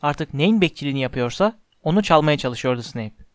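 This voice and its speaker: A man's voice: on the high side, expressive, a little fast, no room sound, pitched below the performer's own voice, natural voice. Harry, earnest young wizard boy, as a man reads him.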